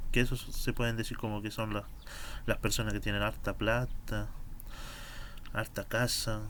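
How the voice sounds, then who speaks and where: A man's voice: lowish voice, slight background noise. A man teaching a language class, explaining sounds patiently and drawing out words for practice. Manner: slow, patient explanations with drawn-out pronunciation drills.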